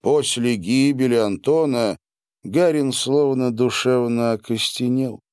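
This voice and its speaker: A man narrating an audiobook in a measured, expressive reading. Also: medium pitch, clear, resonant tone, no room sound, studio quality. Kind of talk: scripted narration.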